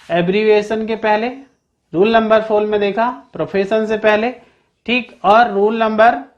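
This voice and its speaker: A teacher explaining a grammar lesson, repeating the same check-in phrases and slowing down for each example sentence. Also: medium pitch, highs cut off. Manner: checks understanding constantly with repeated "okay, keep in mind"; slows down to spell out example sentences.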